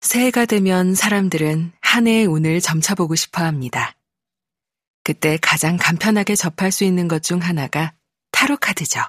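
A woman with a slightly low voice reads an informative audiobook in a calm, even manner. She is recorded close on a studio microphone in a dry space. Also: moderate pace, dry recording. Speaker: voice actor reading an audiobook. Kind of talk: scripted narration.

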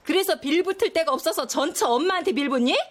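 An actress playing a sharp-tongued, scornful woman in her thirties, arguing with her ex-husband and her mother. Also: extremely high pitch, expressive, fast talker. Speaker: daughter and ex-wife. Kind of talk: TV drama acting.

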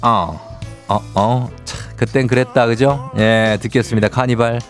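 A man's voice: medium pitch, fairly even intonation, measured pace. A man hosting a morning radio show, reading out quizzes and giveaways in an upbeat, punchy announcer's delivery. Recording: music bed behind the voice. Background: music.

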